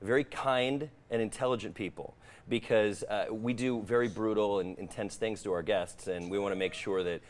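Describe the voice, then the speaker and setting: A man's voice: fairly low pitch, steady tone, moderate pace. A man being interviewed as a guest on a morning show, promoting his event and often restarting his phrases. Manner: hesitant promotional talk, repeating phrase starts. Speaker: guest, haunted house operator.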